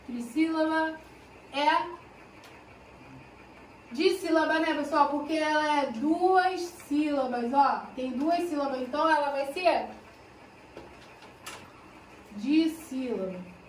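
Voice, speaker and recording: A woman teacher explaining a lesson to her pupils, drawing out key words slowly and checking in with "né?" and "ó". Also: high-pitched, slight background noise. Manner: slow, drawn-out explanations with frequent "né?" and "ó". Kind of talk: recorded class lesson. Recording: echoey room, voice from a distance.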